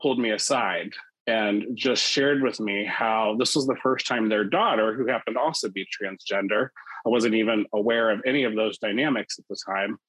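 A man who leads an employee resource group, speaking as a panelist in a live discussion and telling stories in a measured, reflective way with "you know" fillers. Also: fairly low pitch, a bit bright, breathy edge, no echo, rough recording. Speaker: ERG leader, panelist.

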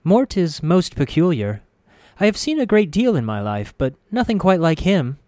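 A man voicing a soft-spoken, high-pitched female healer. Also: very animated, no echo, studio quality. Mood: wary curiosity. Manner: soft, measured, formal speech. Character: elderly wise female healer, calm and gentle. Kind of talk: audiobook character voice.

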